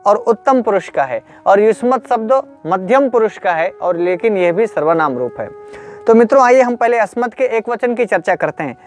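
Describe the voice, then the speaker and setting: A man's voice: high voice, expressive, normal speed, soft background music. A man teaching a Sanskrit grammar lesson, drilling word forms in a sing-song chant for students to repeat. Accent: Hindi. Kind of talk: online grammar lesson, call and response drilling.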